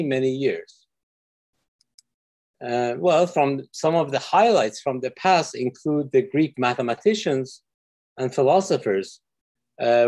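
Over a video call from his windowed office, a middle-aged man from Iran explains physics in a friendly online lecture, often using fillers. He has a mid-range, slightly mellow voice.

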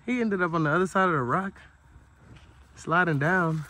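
A man's voice: sits high, moderate pace, sharp tone. A young man filming himself on a snowy mountain climb, talking straight to his viewers in slangy, hyped casual speech. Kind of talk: casual vlog narration while climbing. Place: snowy rocky mountain trail outdoors. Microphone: handheld phone camera. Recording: outdoor wind and handling noise.

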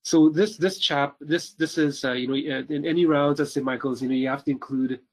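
A man's voice: fairly high pitch, fairly even intonation, brisk, rough recording. A middle-aged man from Canada giving a cardiology rounds lecture, speaking hesitantly with many ums, uhs and repeated words.

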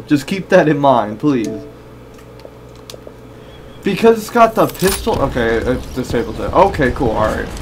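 A man's voice: fairly high pitch, a little hiss or hum. A young man doing casual gameplay commentary in a sweary, slangy, complaining way. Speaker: gaming video host.

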